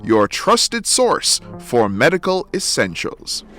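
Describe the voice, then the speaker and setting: A man reading a sponsor message and introducing the host with a lively, punchy announcer delivery. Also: mid-range voice, slow pace, soft background music. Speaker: radio announcer. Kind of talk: sponsor read and show intro.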